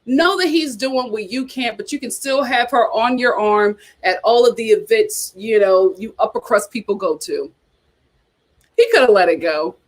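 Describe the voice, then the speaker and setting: Hosting a laid-back reality TV chat, a woman with a rather high voice reacts to her viewers' comments and addresses them directly. She's lively and full of opinions, speaking at a moderate pace in a blunt, gossipy way that repeats phrases for emphasis.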